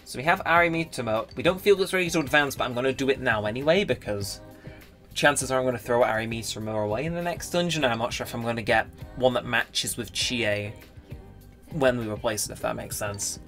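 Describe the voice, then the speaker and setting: A man's voice: medium pitch, fast talker, fairly bright tone, soft background music. A man giving casual, rambling commentary as he plays a game, often correcting himself and reading the on-screen text aloud. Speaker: let's play gamer.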